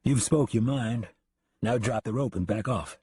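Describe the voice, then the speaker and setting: A man voicing a calm, firm ranger facing down a mob, in an audiobook reading. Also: mid-range voice, unhurried, breathy edge, dry recording, clean studio sound. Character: calm, steady lawman ranger.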